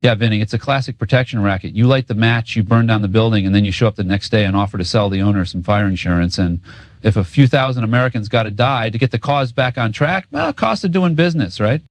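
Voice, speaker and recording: A man's voice: fairly low pitch, fairly even intonation, fast, dry recording. A man co-hosting a political talk show, trading a scripted rant in sarcastic, cynical, profane street talk. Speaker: co-host.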